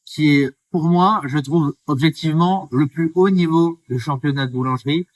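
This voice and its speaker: A man's voice: on the high side, moderate pace, distant mic. A man from the Drôme who works as a baker, answering interview questions in an earnest, explanatory way. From France, Drôme. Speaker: baker, guest.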